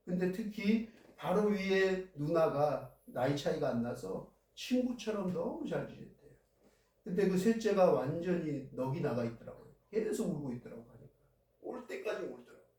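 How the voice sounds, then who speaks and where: High, mellow pastor in echoing church. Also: male voice, expressive, normal speed. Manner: conversational storytelling, recounting events with feeling. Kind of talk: sermon. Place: church sanctuary. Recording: very echoey hall, voice heard from a distance.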